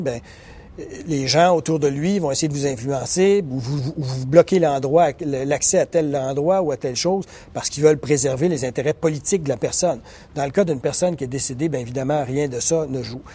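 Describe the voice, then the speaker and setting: Journalist, male, warm and mellow, halting explanatory interview delivery. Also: medium pitch, husky. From Quebec, Canada. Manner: hesitant, many fillers and restarts. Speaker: journalist and biographer. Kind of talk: recorded interview, thoughtful explanation.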